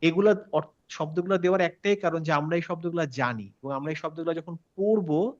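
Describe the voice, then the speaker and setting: A male recitation teacher runs an online class recap in a fairly high voice. He is patient and keeps checking that his students follow, slipping in English words. The call audio sounds dull and lo-fi.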